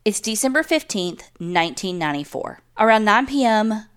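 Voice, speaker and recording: A woman's voice: medium pitch, expressive, moderate pace, clear, resonant tone. A woman hosting a podcast, telling a true-crime story in a casual, conversational way. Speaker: podcast host.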